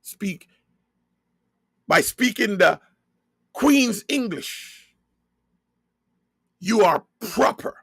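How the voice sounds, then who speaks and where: In a slow sermon-style monologue, a man from Jamaica with a Jamaican accent repeats and spells out key words to hammer his message home. His high-pitched, animated voice has a fairly bright tone and a breathy edge, and there is no echo.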